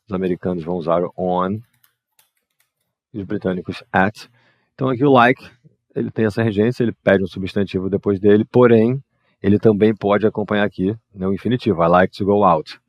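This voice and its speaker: A man, teaching English grammar and patiently explaining exercises, reading the English examples slowly. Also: fairly low pitch, no room sound, highs cut off. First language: Portuguese.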